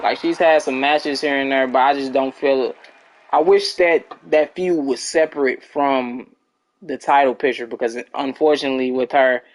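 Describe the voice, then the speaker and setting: With a mid-range voice, fairly even intonation, and normal speed, a young gaming streamer casually rambles to his viewers and responds to chat during gameplay. The audio is poor.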